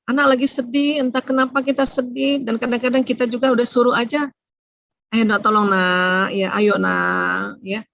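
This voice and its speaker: A woman giving a seminar talk on family and emotions, animated, acting out short exchanges between parent and child. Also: high voice, dry recording, muffled recording.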